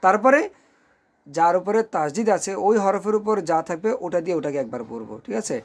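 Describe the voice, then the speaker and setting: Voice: medium pitch, expressive. A Quran reading teacher giving a recorded online lesson, patiently drilling syllables one by one and often asking if the listener is following. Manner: patient, checks in often with "okay?"; drills syllables slowly and clearly.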